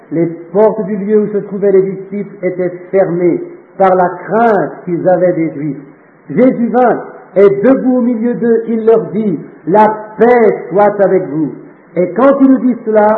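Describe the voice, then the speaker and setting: A man preaching a sermon, fervent and slowing down to stress phrases, reading scripture aloud between remarks. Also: high voice. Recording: echoey, tinny phone-like audio.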